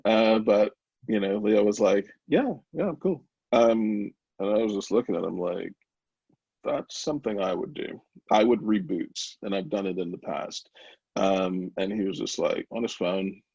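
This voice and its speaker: A middle-aged man, a podcast guest, candidly telling a personal story in a rambling, animated way, acting out the voices of the people he quotes. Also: low-pitched, gravelly, slightly rough, no room sound. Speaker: podcast guest, brownie company founder. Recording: slightly dull, lo-fi remote audio.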